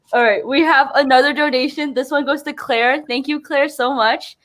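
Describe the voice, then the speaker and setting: Woman, high voice, giggly chatty co-host on a video call. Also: fairly bright tone. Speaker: fundraiser co-host reading trivia. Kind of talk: casual livestream chat.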